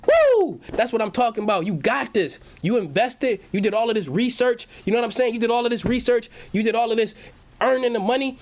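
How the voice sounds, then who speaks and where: A man with a high-pitched voice hosts a lively stock-market stream and talks straight to his chat. He hypes every point, says most lines twice, and keeps addressing viewers as "baby.". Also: fast. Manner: hype-man delivery, repeats each phrase, calls viewers "baby". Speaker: stock market livestream host.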